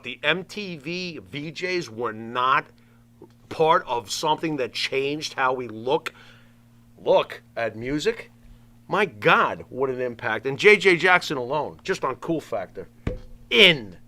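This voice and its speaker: A man's voice: on the high side, lively intonation, measured pace, bright, forceful tone. A man chatting casually as a talk show co-host, emphatic and repeating words for effect.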